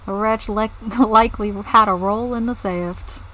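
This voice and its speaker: A woman voicing a gruff, blustery older male farm leader in a game. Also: mid-range voice, steady tone, slow, mellow, lightly acted, rough recording. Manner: blustery, old-fashioned insults.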